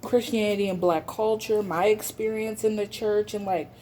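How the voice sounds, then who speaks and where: A woman's voice: medium pitch, steady tone, moderate pace, dark tone, slight background noise. A young woman speaking casually and candidly at school, sharing a personal testimony on her vlog with many fillers. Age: young adult. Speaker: channel host. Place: at school, in public.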